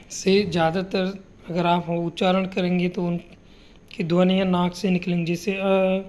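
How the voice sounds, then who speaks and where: A woman teaching a grammar lesson, asking her students questions and answering them herself, and repeating sounds slowly for them to copy. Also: lowish voice, darkish tone.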